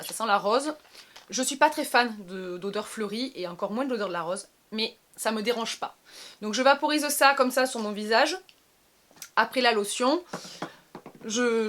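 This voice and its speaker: A young woman talks through her skincare routine in a relaxed vlog style. Her voice sits a little high. She hesitates often and fills the gaps with small sounds. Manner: chatty, many hesitant fillers. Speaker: beauty vlogger.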